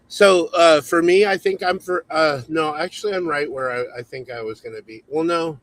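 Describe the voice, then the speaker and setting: A man's voice: mid-range voice, rough recording. Male host in his forties, casual and chatty, on a video call. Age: 40s. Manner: reads viewer comments aloud, chatty. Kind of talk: casual livestream chat.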